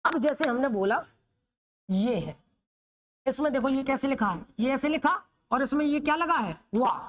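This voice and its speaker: A woman with a high voice teaches the Hindi alphabet. She asks her students questions, answers them herself, and keeps checking that they follow. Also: lively intonation, moderate pace. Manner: repetitive, checks students' understanding. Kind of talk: classroom lesson on Hindi script.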